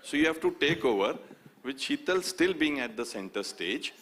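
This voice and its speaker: Higher-pitched Indian man hosting a live event. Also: animated, moderate pace, fairly bright tone. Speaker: event host. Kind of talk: live event announcing, switching between English and Hindi. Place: conference stage with audience.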